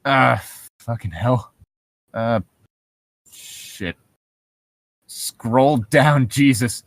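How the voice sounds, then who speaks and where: On a recording with no room sound, a man with a medium-pitched voice talks very slowly as a podcast co-host. He riffs casually on horror stories, rambling and cursing freely.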